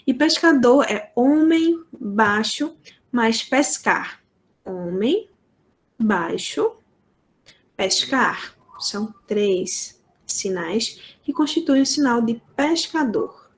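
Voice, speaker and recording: A woman with a Brazilian Portuguese accent gives a lesson at an unhurried pace. Her voice sits a little high, and she explains each point deliberately, often pausing to check that students follow. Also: lively intonation. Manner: slow, deliberate explaining with frequent checks for understanding. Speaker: teacher. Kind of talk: online lesson explaining sign language phonology.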